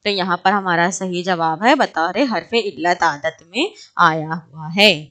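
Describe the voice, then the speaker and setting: A woman's voice: fairly low pitch, sharp tone. Woman teaching grammar, questioning herself. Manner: explains step by step, asking and answering her own questions; draws out and repeats example words slowly. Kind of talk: exam-prep grammar lecture.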